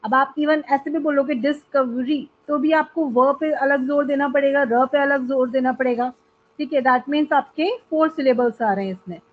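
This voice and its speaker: A woman teaching an English class online, switching between Hindi and English and drawing out each example word slowly. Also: high voice, fairly even intonation. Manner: mixes Hindi and English, slow drawn-out model words. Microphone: video call. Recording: tinny call audio.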